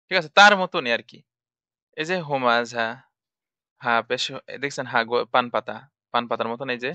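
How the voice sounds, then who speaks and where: A man's voice: mid-range voice, lively intonation, normal speed, sharp tone, no room sound, muffled recording. A man teaching Arabic letters for Quran reading, patiently repeating each sound drill-style.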